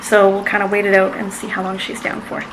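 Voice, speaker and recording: A woman's voice: medium pitch, completely flat delivery, quick pace. A young woman casually narrating a home vlog, tracking times and minutes in a matter-of-fact way. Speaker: vlogger parent. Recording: noticeable background noise.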